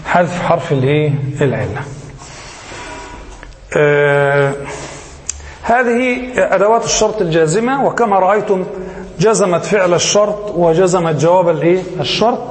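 A man's voice: fairly high pitch, darkish tone. A man teaching Arabic grammar as a sheikh, who keeps asking his class questions and answers them himself. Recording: echoey hall with faint hiss.

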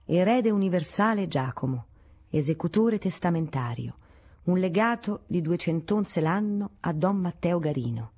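A woman reading the part of an aristocratic duke announcing a will in a flat, matter-of-fact way. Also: on the low side, moderate pace. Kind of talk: audiobook reading.

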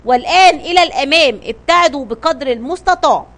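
A woman's voice: high voice, lively intonation, fast talker, a bit bright. A woman voicing a bold, commanding male sea captain as she reads a children's story, barking short orders.

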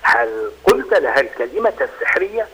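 A man's voice: medium pitch, big pitch swings, a little fast, fairly bright tone, slightly rough, voice pushed down, full character voice, low-quality recording. A man voicing a wise, cheeky male squirrel with a knowing, teasing manner.

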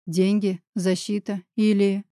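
A woman voicing a calm middle-aged man who speaks in a measured way and often sighs. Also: mid-range voice, no room sound, clean studio sound. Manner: sighing, measured.

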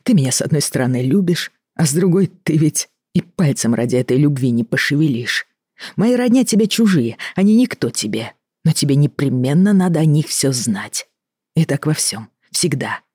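Reader as a weary middle-aged doctor at the end of his rope; reproachful, husky, dry. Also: mid-range voice, animated, a little mellow, dry recording. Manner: tired, reproachful, measured. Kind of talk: audiobook reading.

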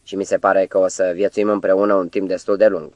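A man voicing a chatty, down-and-out former diplomat with a thin, squeaky voice and an eager, wheedling manner. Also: flat delivery, a little mellow, no echo, lightly acted. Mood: boastful. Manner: eager, wheedling, long-winded.

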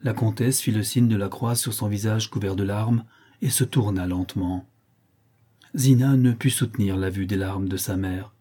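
A man narrating a classic novel as an audiobook, in a measured, expressive storytelling manner. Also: lowish voice, breathy edge.

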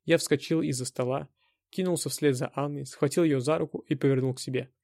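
A man reading a dramatic first-person audiobook in a tense, measured way. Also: mid-range voice, steady tone, vocal fry, darkish tone, dry recording, clean studio sound. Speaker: audiobook narrator.

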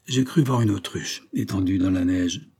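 A man's voice: mid-range voice, moderate pace, mellow, pitched above the performer's own voice, lightly acted. A man voicing a weary, troubled male doctor testifying in court, speaking in a dull, reluctant way in an audiobook reading.

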